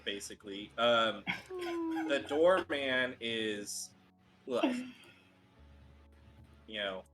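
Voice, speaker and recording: A man's voice: mid-range voice, expressive, very slow, a crowd in the background, rough recording. A man running a tabletop game as game master, narrating with frequent laughs and fillers.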